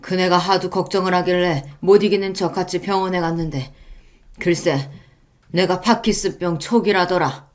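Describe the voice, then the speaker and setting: A woman voicing a stern elderly father-in-law who scolds his family in a firm, measured way. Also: lowish voice, fairly even intonation, close to an everyday voice. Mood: explaining.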